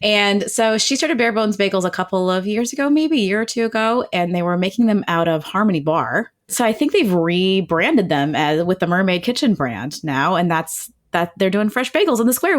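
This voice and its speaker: A woman, co-hosting a podcast in relaxed, chatty conversation, talking with enthusiasm and plenty of "like"s. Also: mid-range voice, a little fast, hardly any pauses. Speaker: podcast co-host. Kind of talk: casual chat.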